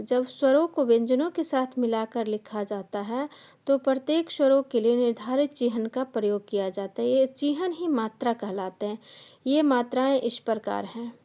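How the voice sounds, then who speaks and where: Slow, mellow-voiced woman teaching grammar. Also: on the high side. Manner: dictates slowly, listing sounds one by one. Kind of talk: slow classroom grammar lesson.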